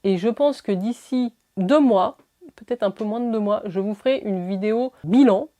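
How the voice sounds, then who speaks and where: A woman's voice: mid-range voice, moderate pace, mellow. A French woman beauty vlogger chatting through a product review, enthusiastic, with many fillers and restarts.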